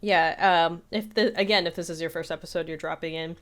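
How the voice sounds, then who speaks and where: A woman co-hosts a casual podcast in a fairly low, steady voice, speaking fairly quickly. She's chatty and tends to relate events as quoted back-and-forth exchanges.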